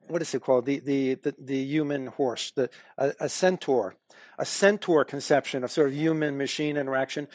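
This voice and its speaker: Halting man explaining as a panelist. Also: on the high side, no room sound. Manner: halting, many restarts and fillers. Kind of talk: expert discussion.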